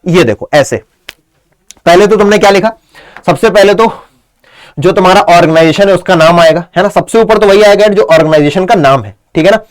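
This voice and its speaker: Fast-talking high-voiced male teacher. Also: poor audio. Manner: rapid, repeats "ठीक है ना?" to check understanding; slows right down to dictate English sample lines. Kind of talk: fast online exam-prep lesson.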